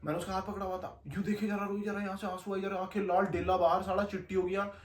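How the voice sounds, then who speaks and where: A young man telling a story in casual, slangy chat, animated and laughing as he goes. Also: sits high, fast talker, distant mic, slight background noise. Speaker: podcast guest storyteller. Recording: echoey room, faint ambience.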